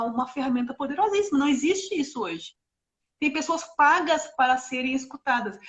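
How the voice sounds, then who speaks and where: A middle-aged woman co-hosting a parenting live stream, explaining ideas in an animated, casual way with many examples and asides. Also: high-pitched, lo-fi sound.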